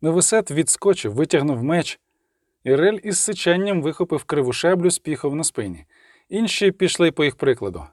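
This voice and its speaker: A man giving a measured, vivid audiobook narration, recorded close on a studio mic. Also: on the high side, big pitch swings, a little mellow, no echo. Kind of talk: scripted narration.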